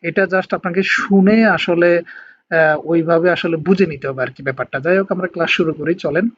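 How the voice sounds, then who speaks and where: A man teaching a language lesson online, patiently explaining sounds and stretching out example words slowly. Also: on the high side, fairly even intonation, fairly bright tone, no echo. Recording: dull lo-fi sound with faint noise.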